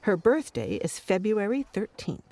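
A woman's voice: medium pitch, big pitch swings, a little slow, dark tone, no echo. A woman playing a prim, weary mother who coaxes her difficult daughter with patient, careful talk.

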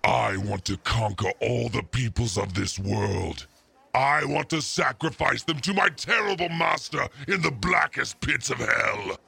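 A man voicing a boastful demon who has possessed a young girl, making grandiose, menacing proclamations in a raspy voice. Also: medium pitch, lively intonation, unhurried, pushed and bright, dry recording, full character voice. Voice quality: gravelly and raspy.

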